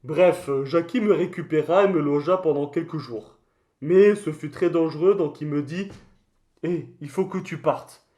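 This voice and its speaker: A man's voice: fairly high pitch, normal speed, mellow, natural voice. A man voicing a touchy, boastful mascot creature in a comic mock interview, rambling in crude slang. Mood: rambling storytelling. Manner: slangy, crude, hesitant rambling storytelling with outbursts.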